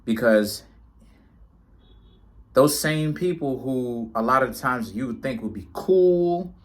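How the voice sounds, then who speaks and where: Talking slowly but animatedly in a mid-range voice, this man rambles to the camera, peppering his lines with "right?" and "you know what I'm saying." He's a tarot reader and vlogger in his 30s, from Trinidad and Tobago and raised in New York City.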